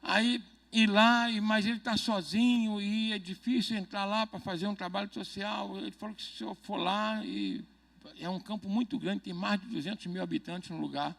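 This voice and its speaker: Pastor preaching a chatty sermon: a man with a high, gravelly voice who quizzes the pews and jokes between points. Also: normal speed, fairly bright tone. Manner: conversational preaching, keeps asking the congregation questions. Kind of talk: sermon at a midweek church service.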